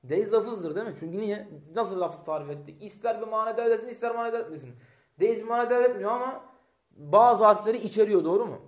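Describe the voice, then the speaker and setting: A man's voice: high voice, fast. A man teaching Arabic grammar to a class, reading Arabic text aloud, explaining it and asking students rhetorical questions. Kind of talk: classroom lesson. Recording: echoey room.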